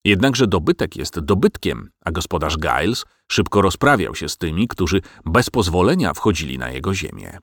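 A man narrates an audiobook in an expressive, storytelling manner. His low voice rises and falls with lively swings, and the recording is dry and close with no room sound. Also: moderate pace, few pauses, dry recording.

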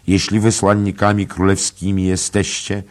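A deep-voiced man raises his pitch to play an obsequious innkeeper from a storybook tavern, fawning and apologetic. He pitches his usual very low voice up noticeably and leans into the bowing humility. It carries a fussy, eager-to-please courtesy. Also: level tone, moderate pace, lightly acted. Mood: humble. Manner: servile, apologetic. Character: humble bowing old-time innkeeper.

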